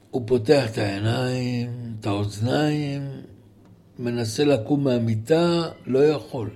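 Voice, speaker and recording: A man telling a religious story as a sermon, dramatic, acting out the characters' shouts. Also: mid-range voice. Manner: dramatic, acts out voices and shouts.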